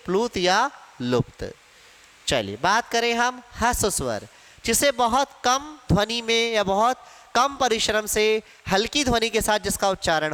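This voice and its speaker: A man's voice: high voice, fairly bright tone, clean tone. A man teaching Hindi grammar in an exam-prep lecture, explaining step by step and answering his own questions. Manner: explains step by step, asks questions then answers them himself. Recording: echoey hall reverb.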